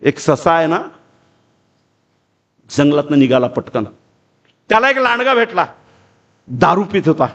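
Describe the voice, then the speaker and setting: A man giving an animated public speech to a crowd of friends, weaving in stories. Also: fairly high pitch, a little slow, long pauses, lo-fi sound. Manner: animated, addresses audience as friends. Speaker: public speaker.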